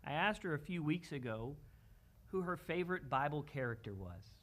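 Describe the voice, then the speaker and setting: A man serving as pastor, giving a memorial service address in a church in a gentle, measured way with light humor. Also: fairly high pitch, lively intonation. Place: church sanctuary.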